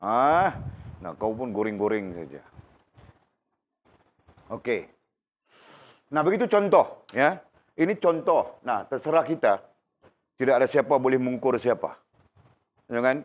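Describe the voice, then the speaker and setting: A man teaching an informal religious class, quizzing students by name and tagging his points with quick questions, sounding unwell. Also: mid-range voice, big pitch swings. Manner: conversational, questions students by name, frequent tag questions. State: unwell, in pain while talking. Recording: dull lo-fi recording.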